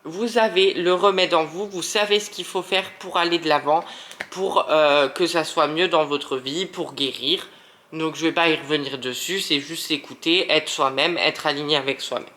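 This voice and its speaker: A man from France doing a casual monthly tarot reading, talking straight to viewers in an animated, self-mocking way. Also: fairly high pitch, moderate pace, slight background noise. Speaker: tarot reader.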